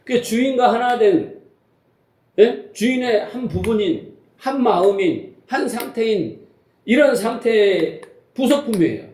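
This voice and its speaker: A man's voice: high voice, lively intonation, measured pace, darkish tone, reverberant. A man preaching a Sunday sermon as pastor, emphatic, putting rhetorical questions to the congregation and slipping into blunt, casual speech. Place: church sanctuary.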